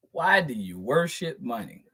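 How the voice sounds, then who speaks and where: Speaking in a bright, forceful, slightly rough mid-range voice, a man hosting his channel gives viewers an emphatic, profane spiritual sermon. He leans on and draws out words and chuckles between points.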